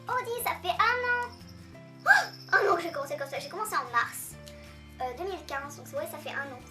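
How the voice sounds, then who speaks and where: Sped-up chipmunk voice of a teenage girl. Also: high-pitched. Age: teens. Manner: chatty, upbeat, with frequent fillers. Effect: sped-up playback, chipmunk voice. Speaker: YouTuber answering viewer questions. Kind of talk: casual chat to camera.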